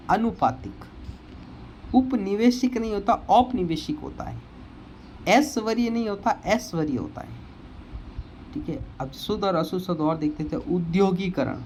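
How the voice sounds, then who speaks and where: A man's voice: a little high, a little mellow, a little hiss or hum. A man teaching a Hindi grammar lesson for exam preparation, explaining word by word and repeating the wrong and right forms of each word. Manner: explains slowly, repeating words and correcting spellings.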